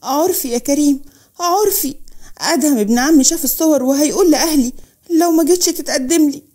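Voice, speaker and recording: A frightened young woman with an Egyptian accent, voiced by a woman narrator, tense and pleading. Her voice rides high and mellow. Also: fairly quick, lightly acted. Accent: Egyptian Arabic.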